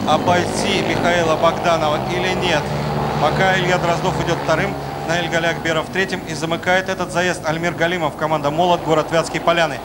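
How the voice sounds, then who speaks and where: A man giving live race commentary as a sports commentator in an announcer-like manner. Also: sits high. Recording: noisy outdoor track, engine noise behind. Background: motorbike engines and outdoor ambience.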